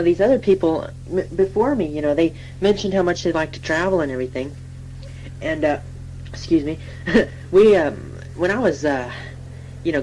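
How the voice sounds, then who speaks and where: In a lightly acted improvisation, a young woman plays a chatty, self-deprecating twenty-six-year-old station typist, giving a rambling, giggly self-introduction in colloquial speech. Her voice sits low and is a little mellow. The audio is poor, with faint hum and noise.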